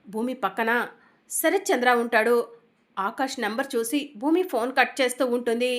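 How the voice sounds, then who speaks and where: High-voiced woman recapping a story. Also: moderate pace. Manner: steady, retelling narration. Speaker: channel host recapping a serial.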